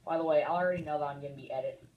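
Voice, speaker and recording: A man's voice: on the high side, steady tone, racing, narrow, tinny audio, crowd noise. A man casually narrating his own gameplay in an old video, chatty and distracted. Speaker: gamer in an old video being replayed. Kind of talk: live gameplay commentary.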